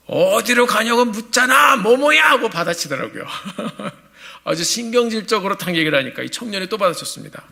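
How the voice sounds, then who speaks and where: Bright-voiced male pastor telling a story. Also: fairly high pitch, gravelly. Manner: storytelling, animated. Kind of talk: sermon. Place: church sanctuary.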